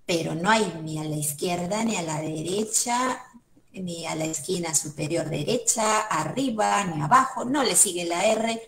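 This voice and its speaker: A woman with a Peruvian Spanish accent teaches an online class and talks children slowly through a word search. Her pitch sits in the middle of the usual range, and her voice rings in a roomy, echoing space. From Peru. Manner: slow, patient, thinks aloud step by step. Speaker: museum educator.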